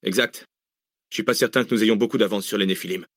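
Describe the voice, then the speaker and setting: A man's voice: lowish voice, steady tone, fast, a bit bright, dry recording, clean studio sound. A man reading an audiobook, voicing a terse, cool-headed fugitive with clipped replies. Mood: curt. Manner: curt, clipped, laconic. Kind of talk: audiobook character voice.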